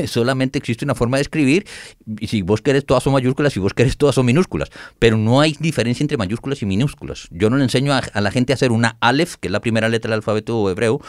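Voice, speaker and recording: A man, explaining and reading Bible verses in an animated, conversational way. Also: medium pitch, no room sound, studio quality. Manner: animated explainer, reads scripture aloud, laughs often. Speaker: Bible teacher guest.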